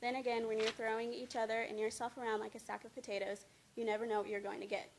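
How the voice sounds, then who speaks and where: A young adult woman, a student, reads a scripted informative speech from her notes, speaking into a handheld-type mic mounted on a stand at a lectern. Her voice is a little high and her tone level, with a quick pace and some stumbling over words, and the audio is poor. She is in an indoor studio with a green screen, and the recording carries clear background noise and room ambience.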